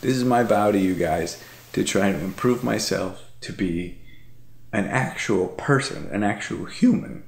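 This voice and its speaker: A vlogger in his thirties, seated on a couch at home at night, rambles in casual chat, repeating himself and using many fillers. His fairly low voice is gravelly and measured, and the room is echoey.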